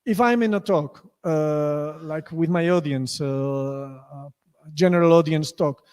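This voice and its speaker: A man's voice: fairly high pitch, slow pace, clear, resonant tone. A man with a Spanish accent, a native Spanish speaker, giving a conference lecture with many restarts and self-corrections. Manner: many restarts, acts out story lines loudly. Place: lecture hall. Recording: reverberant lecture hall.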